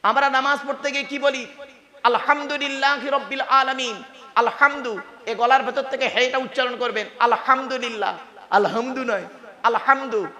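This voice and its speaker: This is a male preacher from West Bengal delivering a sermon to a gathered crowd. His voice sits very high and sounds sharp and bright. He keeps pulling the listeners in with questions and calls for a response, and he mixes English words into the talk. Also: steady tone, moderate pace, reverberant. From West Bengal, India. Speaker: Islamic preacher.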